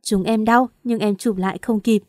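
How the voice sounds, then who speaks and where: An audiobook narrator reads a first-person romance story aloud, emotionally acting out the quarrels and crying in the dialogue. Her medium-pitched, slightly mellow voice has fairly even intonation and a moderate pace, in a dry, studio-quality recording.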